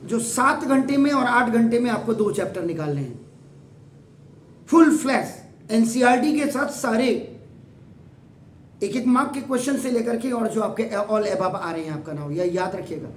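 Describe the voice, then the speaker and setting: A man's voice: very high-pitched, far from the mic. Male maths teacher mid-lecture, drags out key words, mixes Hindi and English, heard from across a roomy classroom with faint hiss. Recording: echoey room, voice off-mic, faint noise.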